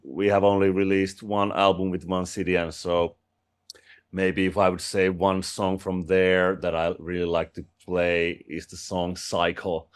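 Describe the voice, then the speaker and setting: His voice sits low, level and clear, with a resonant tone and a slightly slow delivery. He's a musician from Finland, Finnish his first language, answering in accented English in an easygoing, friendly interview where he restarts and laughs lightly.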